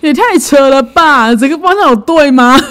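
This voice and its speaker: A woman co-hosts a casual podcast. Her voice sits fairly high and swings widely in pitch, and she keeps chiming in with teasing comments and frequent laughter. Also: expressive, normal speed, fairly bright tone. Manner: reactive, laughs often, teasing. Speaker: podcast co-host. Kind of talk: casual chat.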